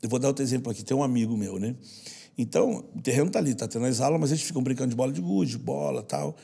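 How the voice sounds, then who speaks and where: Brazilian guy telling his story in an interview, gravelly and raspy, earnest and slangy. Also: mid-range voice, racing, dark tone. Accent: Brazilian Portuguese. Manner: earnest, slangy, repeats for stress. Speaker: guest who works with children.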